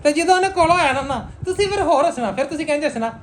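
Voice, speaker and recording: A man's voice: very high voice, lively intonation, very fast. A young man with a Punjabi accent hosting a family vlog, coaxing and reassuring his mother, often asking "theek hai na?". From Punjab, Pakistan. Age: young adult. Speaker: family vlogger. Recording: roomy room with faint noise.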